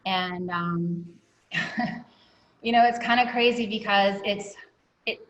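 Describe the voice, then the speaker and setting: A woman's voice: mid-range voice, slow, dull audio. A woman guest on an interview podcast, telling her story candidly with many ums and a catch of emotion in her voice. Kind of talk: reflective personal storytelling.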